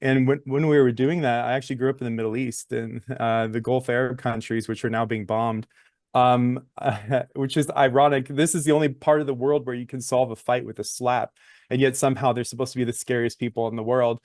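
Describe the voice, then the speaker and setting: A man in his thirties tells his story as a talk-show guest, chatty and laughing between phrases. His mid-range voice is darkish and flat, a little fast, recorded at studio quality with no room sound.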